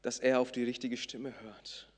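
A man from southern Brazil, preaching a sermon, swinging between loud emphatic peaks and soft intimate lines. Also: mid-range voice, level tone, normal speed. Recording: long reverb of a large hall.

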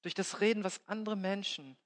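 A man preaching a sermon, swinging between loud emphatic peaks and hushed, quiet passages. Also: sits high, moderate pace. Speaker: pastor. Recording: long hall reverb.

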